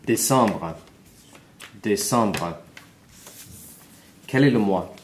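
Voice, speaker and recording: A man's voice: lowish voice, lively intonation, extremely slow, slight background noise. A man teaching a French lesson, spelling words letter by letter and repeating each one for learners.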